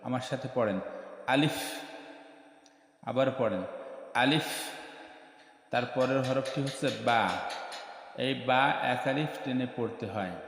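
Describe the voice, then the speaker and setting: A man teaching the Arabic alphabet for Quran reading, speaking in a slow, measured way and drawing out each letter as he says it. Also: mid-range voice. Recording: heavily echoey room with long reverb.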